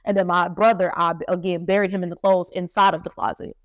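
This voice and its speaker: A young woman hosting a podcast, recounting a traumatic memory in a halting, emotional way with many fillers and restarts. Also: fairly low pitch, level tone, dry recording. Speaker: podcast host. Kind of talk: personal storytelling.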